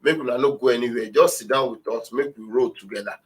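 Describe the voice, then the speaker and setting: A man's voice: medium pitch, fast. Nigerian man hosting a chatty talk show. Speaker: radio show host.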